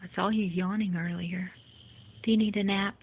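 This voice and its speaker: A woman's voice: medium pitch, steady tone, moderate pace, a little hiss or hum. A woman at home talking to her pet bird in a coaxing, teasing, sing-song way. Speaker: pet owner. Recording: tinny phone-like audio.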